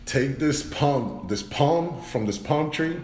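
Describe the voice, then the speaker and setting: Laid-back man, slangy casual storyteller, lively up-and-down pitch, unhurried delivery, echoey room with audible noise. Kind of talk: casual storytelling among friends.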